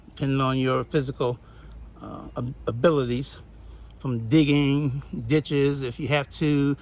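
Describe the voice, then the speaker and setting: A man's voice: medium pitch, slight background noise. Folksy man touring his backyard garden. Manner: folksy, chatty, laughs often. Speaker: homestead gardener giving a garden tour. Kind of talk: casual garden walkthrough.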